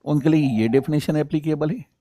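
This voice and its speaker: A man teaching biology in an online live class, reading English definitions slowly and explaining them in Hindi, calling students 'sahab' and reading their names from the chat. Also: on the high side, dark tone. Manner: addresses students as 'sahab' and 'bachchon', repeats key points.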